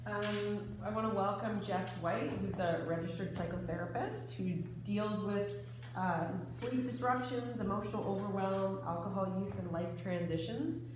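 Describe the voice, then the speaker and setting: Woman, event host, informal introduction, plain-spoken, reverberant room, clear background noise. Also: medium pitch, unhurried. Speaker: host introducing a guest speaker. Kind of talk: casual spoken welcome. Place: echoey room, live group event.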